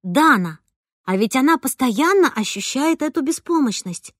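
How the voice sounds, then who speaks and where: A woman narrating a first-person novel in an even, clear storytelling voice. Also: fairly high pitch, normal speed, dry recording, studio quality. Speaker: audiobook narrator.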